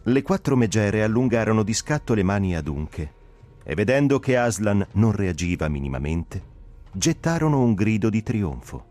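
A man narrating a dramatic audiobook reading, expressive and shaped by the drama. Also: fairly low pitch, moderate pace, soft background music. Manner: expressive, rising and falling with the drama.

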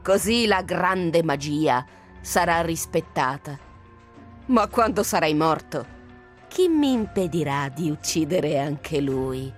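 Actress as a mocking witch queen for a radio storybook; slow, low, menacing. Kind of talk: dramatic audiobook reading.

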